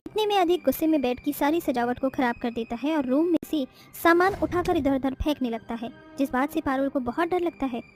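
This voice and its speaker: Woman telling a cartoon story, high voice, steady, faint music behind. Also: a little fast, hardly any pauses. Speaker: narrator. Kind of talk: scripted storybook narration.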